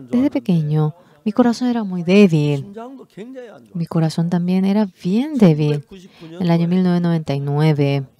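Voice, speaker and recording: An interpreter voicing a pastor's sermon live, with animated delivery and big pitch jumps in the quoted dialogue.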